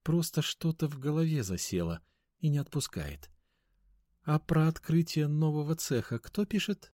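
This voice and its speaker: A calm, commanding female editor speaks slowly in a lifted, lively voice, as a man reads her aloud. The delivery is dry and close, with a measured storybook authority. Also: on the high side, dry recording, voice pushed up, close to an everyday voice. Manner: slow, measured, lightly mysterious. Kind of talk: audiobook character voice.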